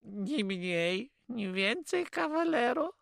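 In an audiobook, a man voices a cautious, wry Catalan male companion who politely warns his friend, calling him "kawalero." The full character voice is high, polite and warning, with big pitch swings, slow pacing, vocal fry and a slightly bright tone. The recording is clean studio sound with no echo.

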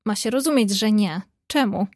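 A woman voicing an outspoken, quick-tempered young woman in a read-aloud story. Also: medium pitch, no echo, clean studio sound, lightly acted. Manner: lively, outspoken.

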